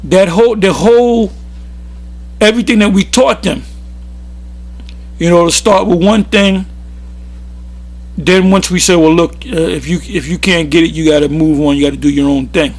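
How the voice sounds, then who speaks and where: A man's voice: high voice, moderate pace, pauses often. A man giving an informal, rambling sermon, often restarting his sentences. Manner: rambling, with frequent restarts and fillers. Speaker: religious teacher.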